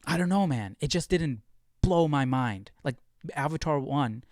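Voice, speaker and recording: Relaxed man reviewing a film, dry sound. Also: a little high, measured pace, dry recording. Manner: relaxed, conversational, thinking out loud. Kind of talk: casual video review.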